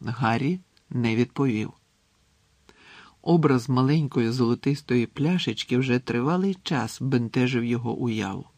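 A male audiobook narrator reads in a steady, measured storytelling manner. His voice is gravelly and husky, sitting at a middle pitch. The recording is close and completely dry. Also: no room sound.

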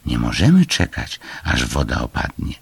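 A man's voice: rumbling low, huge pitch swings, normal speed, vocal fry, husky, pitched below the performer's own voice, full character voice. A man voicing a kind, decisive mother troll in a children's story, speaking in a firm, motherly way.

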